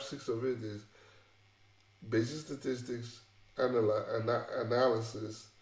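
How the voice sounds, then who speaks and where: A man's voice: medium pitch, vocal fry, a little mellow, reverberant. A man giving casual tech career advice in an emphatic, repetitive way, often restarting his phrases. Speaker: tech vlogger.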